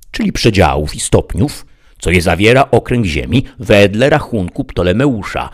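A lofty old knight from a storybook reading who holds forth in grand, lecturing speeches, as a man puts him on. His low voice rises and falls with lively pitch. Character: pompous learned old knight, lofty and scolding. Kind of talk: audiobook character reading.

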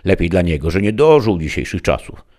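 A man doing a gruff village father. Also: deep voice, big pitch swings, fairly quick, darkish tone, voice pushed up. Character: middle-aged father of a family, gruff.

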